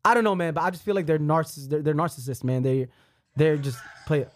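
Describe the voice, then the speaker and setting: Fast-talking, slangy man, slightly high voice. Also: no room sound. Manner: animated, slangy, swearing, repeats phrases for emphasis. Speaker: podcast host. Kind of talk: casual podcast chat.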